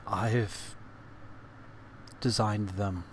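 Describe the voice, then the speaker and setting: An exhausted elderly scientist records a diary, full of guilt, performed by a man at a game table. The weary old man voice is fairly low, halting and labored, with slight noise behind it. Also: fairly even intonation. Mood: grave, exhausted.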